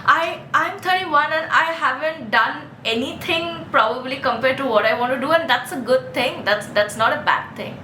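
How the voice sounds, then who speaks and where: A woman's voice: sits high, normal speed, hardly any pauses, bright, forceful tone, roomy sound, slight background noise, rough recording. A woman in her thirties from India giving a casual, earnest self-help talk to camera, chatty with frequent restarts. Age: 30s. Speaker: vlogger. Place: Mumbai street with ambient noise.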